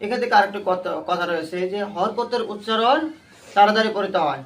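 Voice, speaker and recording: A man with a high, slightly fast and somewhat bright voice leads a Quran reading class. He quizzes his students with short, repeated questions and waits for them to answer in unison, in a call-and-response lesson.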